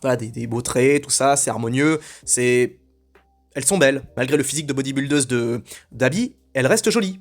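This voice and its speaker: A man's voice: medium pitch, brisk, soft background music. A man delivering an opinionated commentary monologue in a blunt, indignant way, rambling and hesitating often. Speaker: video commentator.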